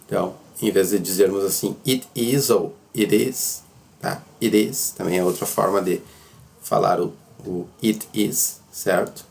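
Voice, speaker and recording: Male teacher, low gravelly voice, slow patient delivery. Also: fairly even intonation, a little mellow. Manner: patient, repeats phrases slowly for learners to copy. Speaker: English teacher. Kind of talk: slow explanatory language lesson.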